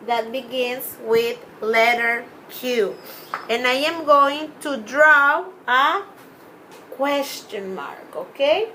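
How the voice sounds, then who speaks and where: Young woman, Spanish first language, kids' teacher on video: very slow, patient phonics drills, clear bright tone. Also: on the high side, a little hiss or hum, poor audio. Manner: slow, drawn-out phonics teaching with counting and repeated words. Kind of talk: children's class video lesson.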